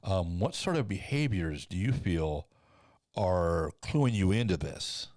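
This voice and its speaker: A man's voice: low voice, lively intonation, slow, darkish tone. A man playing a nervous therapist in a parody sketch, hesitant and full of ums and stammers.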